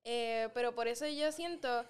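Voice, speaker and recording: A woman's voice: fairly high pitch, moderate pace, clean tone. A young woman with a Puerto Rican accent, a troubadour guest explaining rhyme patiently in a casual interview. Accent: Puerto Rican Spanish. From Puerto Rico. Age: young adult. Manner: explains patiently, gives examples. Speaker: guest, trovadora.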